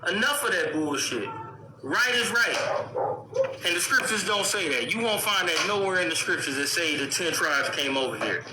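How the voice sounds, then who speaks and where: A man's voice: fairly high pitch, lively intonation, moderate pace, reverberant, noisy background. A man giving casual religious commentary on a news report, with emphatic, preachy rhetorical questions.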